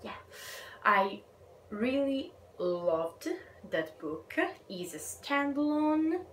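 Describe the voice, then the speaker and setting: A young Italian book vlogger speaks slowly and shyly in a casual review video, her fairly high voice swinging widely in pitch. She hesitates often and sometimes sinks to a whisper. The room is echoey, with faint ambient noise.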